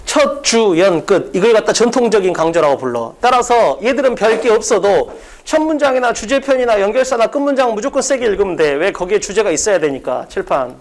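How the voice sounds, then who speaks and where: A man giving a test-prep English lecture in a brisk, emphatic classroom style, often asking a question and answering it himself. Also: sits high, expressive.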